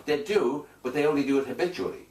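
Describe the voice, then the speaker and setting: A man's voice: fairly high pitch, fast, a little mellow. A man working as a hypnotherapist, answering interview questions in an emphatic, declarative way and repeating phrases for weight. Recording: echoey room, distant mic, faint noise.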